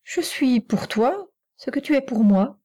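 A woman's voice: sits high, lively intonation, a little slow, dark tone, voice pushed up. A woman reading the part of a stern but loving mother in an audiobook, speaking in a firm, curt way.

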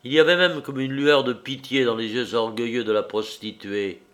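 A man reading a novel aloud as narrator in a measured, deliberate way. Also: mid-range voice, steady tone, a bit bright.

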